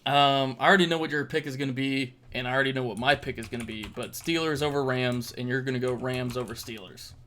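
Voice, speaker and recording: An American man with a medium-pitched voice chats about sports as a podcast co-host. He is informal and laid-back, swearing casually as he talks. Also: steady tone, fast, few pauses, pushed and bright, slight background noise.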